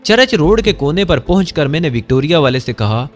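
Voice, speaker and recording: A man with a fairly high voice narrates a first-person story in a measured, unhurried way. Faint music plays softly under his voice. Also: sing-song.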